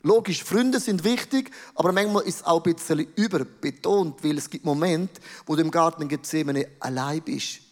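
A man's voice: fairly high pitch, moderate pace, hardly any pauses. A man with a Swiss German accent preaching a sermon, emphatic and peppered with English words. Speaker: pastor. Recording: reverberant large hall.

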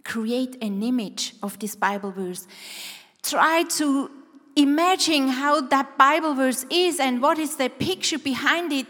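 A middle-aged or older woman preaching a devotional sermon, deliberately repeating phrases for emphasis and guiding listeners through exercises. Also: high voice, fairly bright tone. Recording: reverberant hall.

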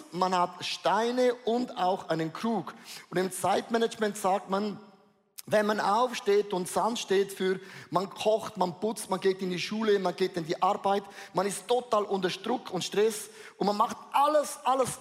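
A man preaching a sermon to a congregation. He speaks emphatically, repeats key phrases and addresses the listeners directly. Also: high voice. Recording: long reverb in a large hall.

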